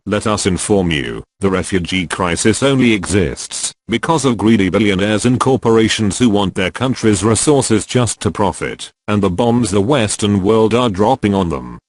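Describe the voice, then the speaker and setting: A man reading out a solemn, measured scripted statement as a spokesman, his voice disguised and electronically deepened. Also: no echo. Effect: disguised deep voice, electronically altered.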